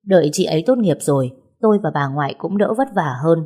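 A woman narrating a first-person novel as an audiobook, in a measured, somber reading. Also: low voice, animated, dark tone, slightly rough.

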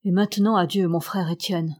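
A woman voicing the ghost of a young nobleman, speaking briefly, imperiously and calmly in an audiobook reading. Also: on the low side, brisk, close to an everyday voice. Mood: grave.

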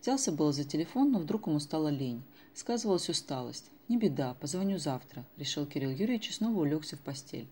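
Low-voiced woman narrating an audiobook. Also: big pitch swings, quick pace, few pauses, darkish tone, slight background noise.

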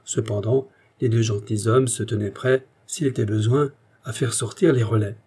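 A man reading a classic novel aloud in measured, expressive narration. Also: on the low side, husky. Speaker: audiobook narrator. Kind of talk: scripted literary narration.

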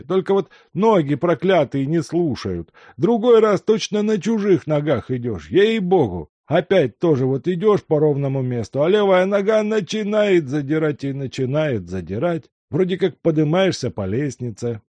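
A man doing a fussy old servant, high and chattering. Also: very animated, moderate pace, few pauses, a little mellow, no echo. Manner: tearful, rambling lament.

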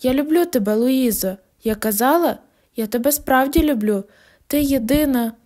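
A giddy, tipsy teenage girl, put on by a woman reading an audiobook who begs and giggles loudly. The voice sits fairly high, with a soft, mellow tone. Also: moderate pace, natural voice. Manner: loud, giggly, pleading. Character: tipsy, giddy sixteen-year-old girl, clingy and restless. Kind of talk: audiobook character voice.

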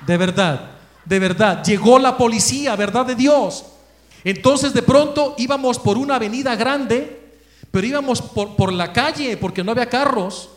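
A high-pitched man with a Mexican accent tells a story during a religious talk, lively and animated. He acts out the voices of the people in his story. The recording has a roomy echo. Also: normal speed. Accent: Mexican Spanish.

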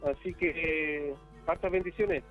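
Chilean male musician guest, slightly high, easygoing, halting; calls in on a tinny, choppy internet line. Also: steady tone. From northern Chile. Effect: choppy internet call audio that cuts out. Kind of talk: casual chat over a call. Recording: tinny phone-like call line with faint music.

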